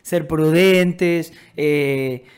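A man's voice: fairly high pitch, clean tone. Chatty Mexican man telling family stories. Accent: Mexican Spanish. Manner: animated, rambling, quick restarts. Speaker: podcast co-host. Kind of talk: casual storytelling chat.

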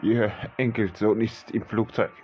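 A man playing an urgent male messenger who calls loudly at a door with bad news in a homemade audio drama. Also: on the low side, fairly even intonation, a little slow, a little hiss or hum, lightly acted. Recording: dull lo-fi recording, faint music.

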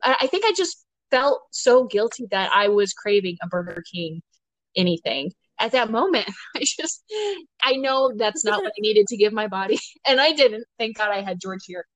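A woman hosting a casual podcast chat, talkative and quick to laugh, with plenty of "you know" fillers. Her pitch sits at an ordinary middle height for a woman. The sound is dry and close, with no room echo. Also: lively intonation. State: ten months postpartum. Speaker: podcast host and doctor.

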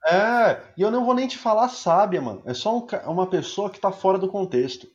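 A man's voice: high voice, animated, fairly quick, lo-fi sound. A young adult man, a musician telling a personal story in a casual podcast chat, slangy and trailing off. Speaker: musician and music teacher, guest.

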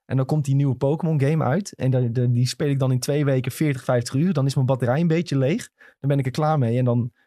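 Male co-host, relaxed dark tone, rambling enthusiastic gaming talk. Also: medium pitch, fast talker, hardly any pauses, dry recording, studio quality. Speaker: podcast co-host. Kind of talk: casual gaming chat.

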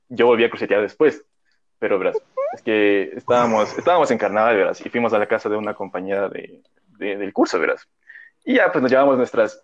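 Fast-talking young man. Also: medium pitch. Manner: slangy, rambling, heavy fillers. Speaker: podcast co-host. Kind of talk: casual storytelling. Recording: dull lo-fi audio.

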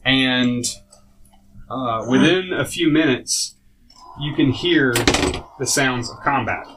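A man's voice: mid-range voice, noisy background. A man narrating a tabletop game as game master, casual and rambling, with many fillers and small laughs.

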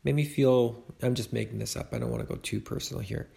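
Man, gravelly voice, informal faith talk, conversational, restarts mid-sentence. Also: mid-range voice, fairly even intonation, fast, dark tone.

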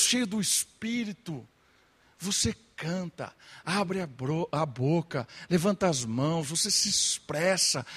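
Man preaching a lively sermon. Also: on the high side, in a large hall. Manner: lively preaching, mimics gossiping churchgoers. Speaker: pastor.

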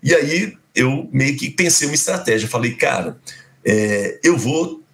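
A middle-aged guest from Belo Horizonte speaks a little slowly in a mid-range voice. Animated, he recounts a personal story in conversation and acts out the dialogue along the way.

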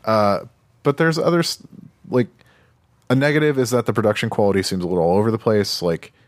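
Deep-voiced guy on a gaming podcast, dry sound, lots of um and like. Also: fairly quick, no echo. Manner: rambling, many "like" and "um" fillers. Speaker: podcast co-host. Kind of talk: casual game discussion.

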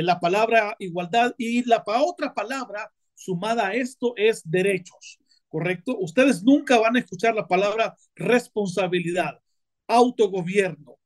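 A man, a guest on a talk show, explaining his view at length with many fillers and repeated tag questions. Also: sits high. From Honduras. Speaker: podcast guest speaker.

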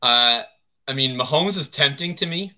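Male podcast host, very bright tone, easygoing chat with ready laughs. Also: medium pitch, expressive, normal speed. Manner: chatty, laughs easily. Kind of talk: casual fantasy football chat.

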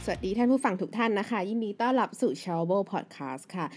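A woman's voice: mid-range voice, expressive, fairly quick, over loud music. A woman in her thirties, a native Thai speaker, hosting her own podcast in a loose, chatty solo monologue full of fillers. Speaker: podcast host. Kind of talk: casual solo podcast chat.

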